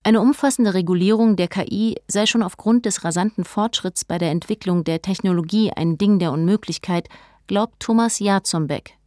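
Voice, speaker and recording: Narrating a documentary, a woman speaks at medium pitch in a measured, informative tone. Her darkish voice is captured close-miked and dry, without any room sound.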